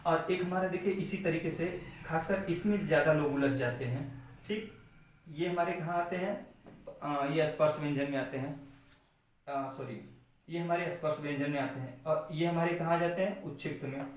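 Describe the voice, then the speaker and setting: A man teaching a lesson on letter sounds, slowly explaining and answering his own questions. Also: a little high, slight background noise. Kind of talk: classroom lesson on pronunciation. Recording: far-off mic in echoey room.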